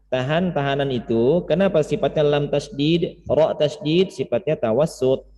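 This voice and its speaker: A man's voice: on the high side, moderate pace, warm tone. A man teaching Quran recitation informally in an online class, explaining and repeating words and syllables to demonstrate, in muffled, reverberant audio. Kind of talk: informal lesson with chanted demonstrations. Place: online class over Zoom, reverberant sound.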